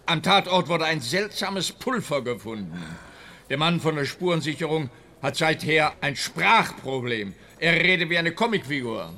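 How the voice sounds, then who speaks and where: An actor playing an officious, slightly scatterbrained police officer in a radio crime drama, speaking with comic earnestness. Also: male voice, fairly high pitch, lively intonation, normal speed, pushed and bright. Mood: earnest, muddled.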